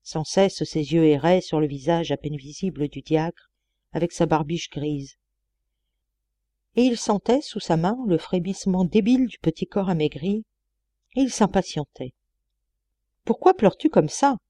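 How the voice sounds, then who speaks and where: A woman narrating a literary audiobook in a measured, expressive way. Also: low voice, dry recording. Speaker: audiobook reader.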